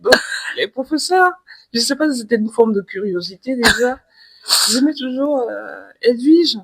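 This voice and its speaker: A woman from Cameroon, a guest author, telling her story in a relaxed interview, animated and repeating words as she searches for them. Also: fairly high pitch, moderate pace, slightly rough, no echo. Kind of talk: casual conversational interview.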